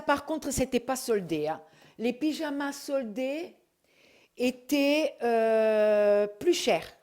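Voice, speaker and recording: Slow, hesitant middle-aged woman vlogging. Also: a little high, darkish tone. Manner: hesitant, full of drawn-out fillers. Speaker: vlogger showing her shopping haul. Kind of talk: casual haul vlog.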